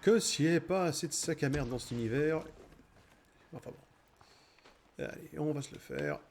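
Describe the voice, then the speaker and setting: A man's voice: on the high side, normal speed, gravelly. A man giving casual, slangy gameplay commentary, playfully narrating his own actions with mock-heroic flourishes. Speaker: gaming streamer. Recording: faint game noise and vehicle ambience.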